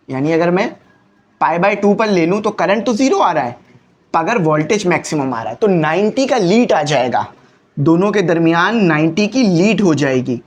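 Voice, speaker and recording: A man teaches physics for an entrance exam, his voice rising and falling in a lively way. He breaks each idea into small steps and keeps asking quiz questions. He repeats the main points so they stick. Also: sits high. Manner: explains step by step, repeats key points, asks quiz questions. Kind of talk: exam-prep lecture.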